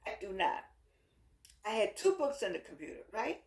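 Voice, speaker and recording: Animated toothless woman, echoey room. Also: mid-range voice, moderate pace. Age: middle-aged. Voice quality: toothless, slightly soft articulation. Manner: animated, sassy, folksy, repeats phrases for emphasis. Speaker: vlogger. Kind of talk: casual chat, rambling advice to viewers.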